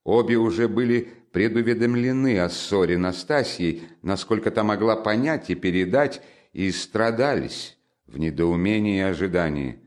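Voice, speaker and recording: Male narrator, audiobook reading, very deep voice, measured literary delivery. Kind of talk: audiobook reading of a classic novel.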